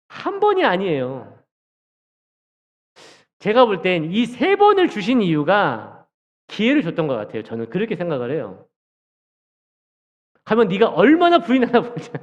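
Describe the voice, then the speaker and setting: Animated high-voiced male preacher in a hall. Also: moderate pace, pauses often. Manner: animated, acts out quoted dialogue, asks the congregation questions. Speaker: junior pastor. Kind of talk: sermon. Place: church sanctuary. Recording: dull church hall recording with long reverb.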